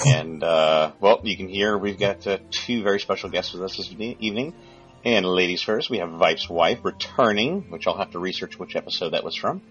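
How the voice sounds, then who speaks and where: Deep voiced guy hosting a gaming podcast, lots of ums, crude jokes, muffled lo-fi mic. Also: normal speed, fairly bright tone, faint music behind. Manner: rambling, many fillers, crude jokes. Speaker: podcast host. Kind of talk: casual gaming podcast chat.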